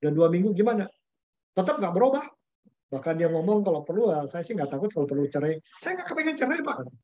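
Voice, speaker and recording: A man's voice: on the high side, lively intonation, quick pace, dark tone. A man, a pastor giving a conversational webinar talk, telling anecdotes in a chatty way with slang and English words mixed in. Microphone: webinar video call. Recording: dull lo-fi webinar audio.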